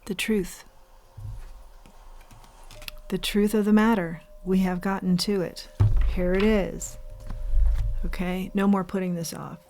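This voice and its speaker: A woman giving an intuitive tarot reading as host, saying the card names slowly and repeating her advice earnestly. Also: mid-range voice, little pitch movement, darkish tone, a little hiss or hum. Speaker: tarot reader.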